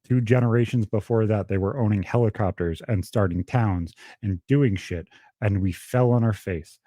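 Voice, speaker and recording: Over a remote call prone to dropouts, a young man co-hosting a podcast chats casually about politics, blunt and full of swearing. He has a lowish, dark-toned voice at normal speed, with no echo.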